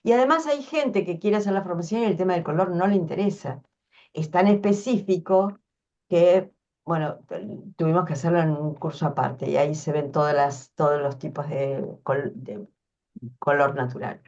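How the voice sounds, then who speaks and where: A woman's voice: low-pitched, normal speed, a little mellow, dull audio. A woman, answering workshop questions on a video call in a frank, explanatory way. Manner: frank, explanatory, thinks aloud with restarts. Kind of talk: casual online Q&A.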